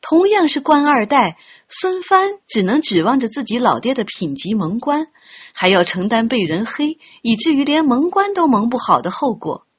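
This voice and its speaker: An audiobook narrator, a woman, tells a story at normal speed with expressive, scripted delivery. Her husky voice swings through lively changes in pitch. The recording is dull, muffled and lo-fi.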